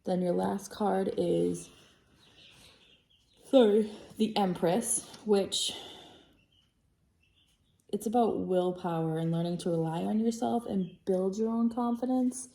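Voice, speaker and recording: A woman's voice: medium pitch, slow, creaky, pauses often, dark tone, echoey room. A woman giving a casual tarot reading to camera, chatty and rambling, often correcting herself and apologizing while checking her notes. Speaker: tarot reader.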